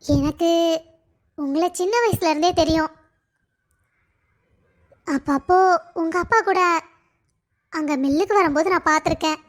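A woman's voice: very high voice, a little slow, long pauses. A woman voicing an earnest young man, an eager and talkative suitor in a cartoon. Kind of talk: cartoon voice acting.

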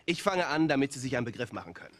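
An actor playing a uniformed officer who leads a guessing game at a table, giving playful instructions in a film scene. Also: male voice, mid-range voice, animated, very fast, a bit bright, close to an everyday voice. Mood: game-leading. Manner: instructing, playful, laughs often. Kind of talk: film dialogue.

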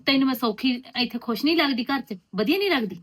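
A woman playing a young wife hushing her mother. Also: expressive, fast talker. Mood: urgent, pleading. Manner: pleading, scolding in low urgent tones. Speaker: married daughter living with in-laws. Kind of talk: rural village drama acting.

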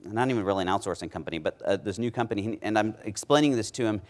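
A middle-aged man giving a conference keynote on a large stage, speaking emphatically into a lapel mic and dropping low on key words. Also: fast talker.

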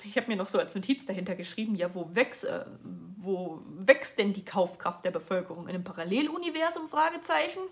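A young German woman with a medium-pitched, fairly bright voice livestreams political commentary from her sofa at home. As a vlogger, she covers the news casually and sarcastically, chatting and often restarting her sentences.

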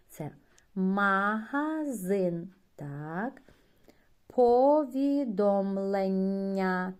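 A woman primary school teacher giving a phonics lesson to young children, drawing out syllables slowly and calling the pupils her dear ones. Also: deep voice, mellow. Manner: slow, patient, drawn-out syllables and sounds.

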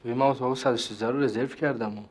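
A man's voice: medium pitch, fairly even intonation, darkish tone, slightly rough, natural voice. An actor playing an irritable male hotel guest who makes threats, in a sitcom. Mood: gruff. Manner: irritable, menacing. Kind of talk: sitcom acting.

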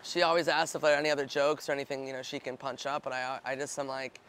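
A man's voice: mid-range voice, little pitch movement, quick pace, fairly bright tone, slight background noise. A man being interviewed about a film, talking casually and animatedly, with many restarts.

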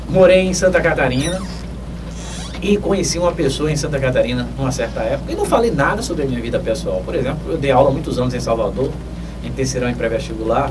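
An older man, hosting a radio advice show in a measured, lecturing manner with emphatic rises. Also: a little high. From Northeast Brazil. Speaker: radio host answering listener questions. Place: small dark radio studio. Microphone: studio mic on boom, heard from a distance. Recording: distant mic with clear background noise.

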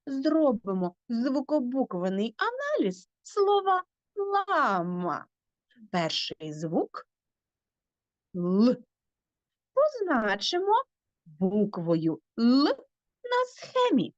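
Slow sing-song woman teaching phonics. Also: fairly high pitch, wildly swooping pitch, no echo, dull audio. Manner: drawn-out words, rising questions to the children. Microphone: video call.

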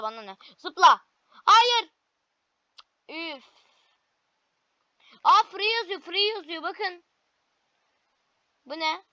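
Excitable high-voiced woman gaming. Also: no room sound, lo-fi sound. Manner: excitable, frequent frustrated cries and cheers. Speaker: gaming video creator. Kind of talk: gameplay commentary.

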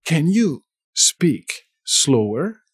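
A man with a Castilian Spanish accent teaching a language lesson, repeating each phrase slowly and explaining grammar in asides. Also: fairly high pitch, very animated, breathy edge, no echo, clean studio sound. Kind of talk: slow bilingual phrase lesson.

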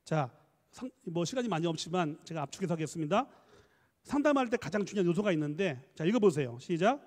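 A man giving a lively church lecture on counseling, coaxing the audience to read aloud and answer, switching between polite and casual speech. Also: on the high side, long reverb tail. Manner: mixes polite and casual speech, quick asides. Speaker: professor leading a church training lecture.

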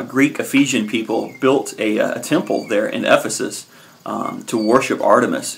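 A man in his thirties giving a casual, hesitant, relaxed review to camera as a host, with frequent pauses. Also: on the low side. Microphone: camera at arm's length.

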